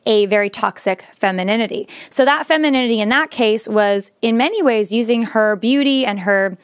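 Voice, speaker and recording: A woman's voice: on the high side, a little fast, no echo, clean studio sound. A woman speaking earnestly, now and then restarting with fillers. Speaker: speaker sharing her views. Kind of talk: earnest monologue.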